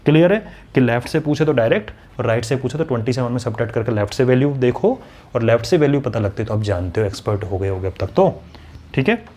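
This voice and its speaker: A man's voice: mid-range voice, expressive, fast talker, darkish tone. A man teaching an online exam-prep lesson, explaining step by step and often checking whether students follow. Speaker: maths and reasoning teacher.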